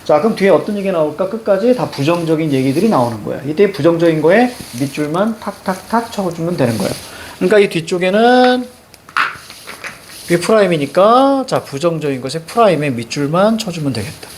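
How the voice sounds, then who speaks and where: A man's voice: fairly high pitch, normal speed, reverberant, a little hiss or hum. A man teaching a reading lesson for exams, walking students through a passage and prompting them with questions. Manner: lively, repeats "자" constantly, prompts students with questions.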